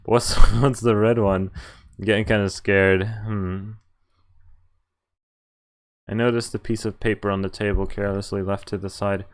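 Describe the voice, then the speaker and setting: Over the visual novel's background music, a woman streamer reads the game's text aloud expressively and adds her own casual, sweary comments. Her pitch is extremely low and her delivery flat, at normal speed with frequent pauses.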